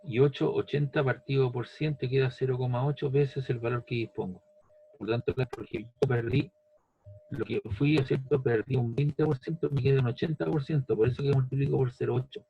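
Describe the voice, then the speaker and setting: On a lo-fi recording, a man with a mid-range, steady, husky voice talks a little fast, with a creaky quality. He walks through a physics lesson step by step, patiently repeating each one and asking "¿ves?" and "¿cierto?" to check the student is keeping up.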